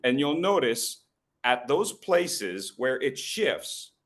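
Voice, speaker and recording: A middle-aged man running a comedy workshop with a lively, swooping voice at an ordinary pitch. He jokes with the crowd, drops quick asides, then slows down and pauses to land each point. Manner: playful, teasing the audience, quick asides. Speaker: educational speaker at a club meeting. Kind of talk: humorous presentation to a live group.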